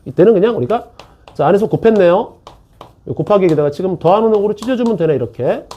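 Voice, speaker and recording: A man's voice: high voice, animated, quick pace, lo-fi sound, slight background noise. A male math teacher giving a classroom lecture, chatty and joking with his students and often checking they follow.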